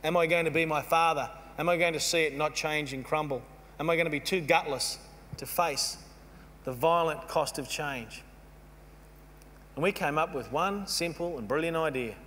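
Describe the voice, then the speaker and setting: A man giving a storytelling keynote speech, animated and mocking as he acts out scenes. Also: a little high, moderate pace. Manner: animated, mocking, playfully acts out quoted voices. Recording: long hall reverb with faint hum.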